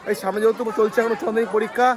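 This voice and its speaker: A man vlogging casually at a wedding reception, his voice hoarse, playful and mixing in English words. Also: sits high, little pitch movement, very fast. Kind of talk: casual vlog chat. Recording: loud music and crowd behind.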